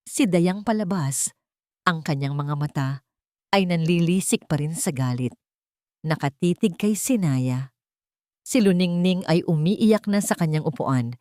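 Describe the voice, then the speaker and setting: Narrating a scripted dramatic story, a Filipino-accented woman speaks in a low, slightly mellow voice. The recording is studio quality, with no echo at all.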